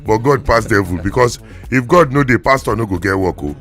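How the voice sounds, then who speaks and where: A man's voice: lowish voice, animated, brisk, a bit bright, faint music behind. A Nigerian man hosting a talk show in Nigerian Pidgin mixed with English, with playful, theatrical build-ups. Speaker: radio show host.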